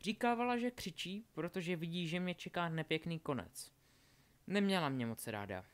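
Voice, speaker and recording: A man's voice: a little high, animated, clear, resonant tone, voice pushed up, close to an everyday voice. A man reading an audiobook, voicing a cunning, cold young witch in a raised voice. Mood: ominous. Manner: sly, triumphant, menacing. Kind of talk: audiobook character voice.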